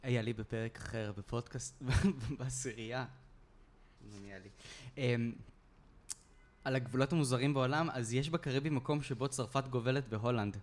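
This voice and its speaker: Playful male podcast host. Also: medium pitch. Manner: joking, playful asides. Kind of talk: podcast interview.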